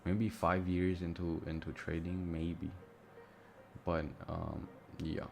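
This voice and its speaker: This is a young man with a Romanian accent on a live trading stream, chatting casually, thinking aloud, and swearing without restraint. His low voice is creaky and slow, with little pitch movement. Music and clicking from a mouse play in the background.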